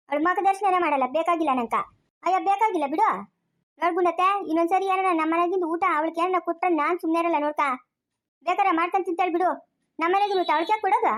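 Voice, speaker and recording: Village woman w a rural chikkaballapur kannada accent, super high voice, scolding nonstop in a comic skit. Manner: quarrelsome, scolding back-and-forth. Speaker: village family skit performer.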